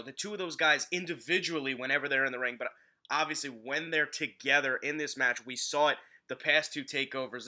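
Very bright, forceful male podcast host. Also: mid-range voice. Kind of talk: casual sports podcast chat about wrestling. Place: home basement.

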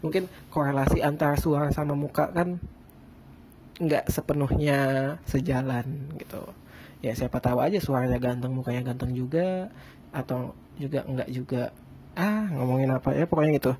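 This mellow podcast host from Bandung, Indonesia, has a mid-range voice, a lisp, and can't roll his r. He chats casually on a solo podcast at normal speed and in a steady tone, rambling in a slangy, self-deprecating way over a faint hiss or hum.

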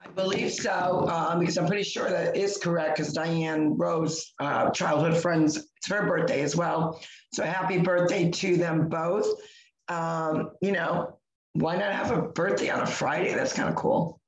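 A hoarse woman who has nearly lost her voice, chatting casually and encouragingly as co-host of a morning livestream. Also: lowish voice, steady tone, a little slow, a little hiss or hum. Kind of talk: casual motivational chat. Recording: echoey room.

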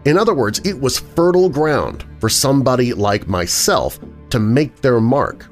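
A man reading a first-person horror story as a measured, dramatic narrator. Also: mid-range voice, lively intonation, soft background music.

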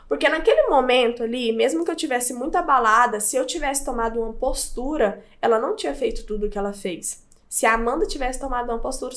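Fast-talking makeup artist woman. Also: on the high side, fairly bright tone. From Brazil (Goiânia). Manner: earnest, heartfelt, frequent "you know?" asides. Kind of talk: personal storytelling monologue.

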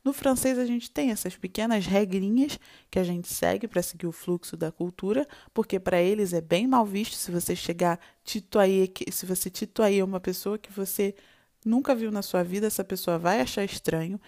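Woman, Brazilian Portuguese accent, French teacher, patient recaps, gravelly fry, mid pitch. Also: moderate pace, darkish tone. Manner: explains patiently, repeats and recaps, models dialogue lines. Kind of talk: online language lesson.

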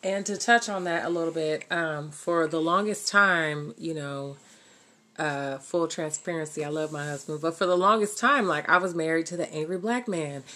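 A woman with a fairly low voice chatting on a podcast about her marriage. She talks emphatically, often lively and ready to laugh. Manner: animated, quick to laugh, emphatic. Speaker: married co-host. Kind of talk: casual chat.

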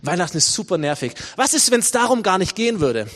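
A man's voice: high-pitched, sing-song, fast talker, fairly bright tone. A man preaching a sermon in a church, conversational and full of rhetorical questions and emphatic repetition. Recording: long church reverb.

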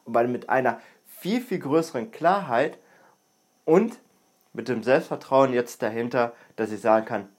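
A man's voice: medium pitch, a little slow, breathy edge. Earnest young man musing on self-improvement. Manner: earnest, repeats words for emphasis. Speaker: podcast host. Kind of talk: casual self-improvement monologue.

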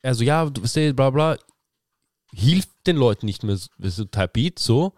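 A young man talks casually on a podcast, full of slang and acting out quotes from friends. His pitch swings widely as he tells his stories. The sound is dry and close, with no room echo. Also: moderate pace. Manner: animated storytelling, slangy, acts out quoted friends. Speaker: podcast co-host. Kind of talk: casual chat.

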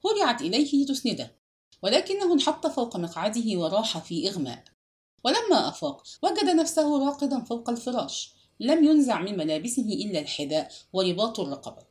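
A woman narrating a literary novel as an audiobook, with a measured, expressive reading. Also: on the high side.

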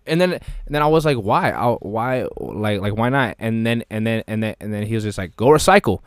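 A young man with a fairly low voice, co-hosting a podcast and telling stories in loose, profane casual chat. He laughs often and gets animated as he goes. The sound is close and dry, with no room around it. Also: fairly quick, clear, resonant tone, dry recording. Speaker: podcast co-host.

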